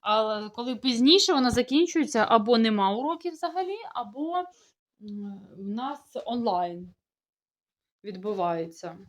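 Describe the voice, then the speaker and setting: With a rather high, animated voice at normal speed, a young village-life vlogger chats to camera about ordinary things. Russian is her first language, her throat is sore, and she wanders, restarts and sounds puzzled.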